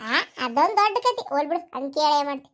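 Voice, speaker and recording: Someone voicing a fast-talking, squeaky village gossip. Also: expressive. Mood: gossipy. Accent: North Karnataka Kannada. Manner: rapid, gossipy storyteller. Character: gossiping married village woman. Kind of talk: cartoon comedy voice acting.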